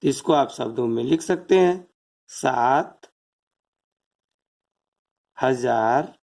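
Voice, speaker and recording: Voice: medium pitch, expressive, fairly quick, vocal fry, warm tone. A math teacher giving a step-by-step classroom explanation, counting out place values one at a time and asking rhetorical questions.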